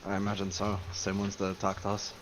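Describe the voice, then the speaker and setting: Lower-voiced male player, keyboard clicks. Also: completely flat delivery, fairly quick, slight background noise. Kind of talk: casual role-play chat.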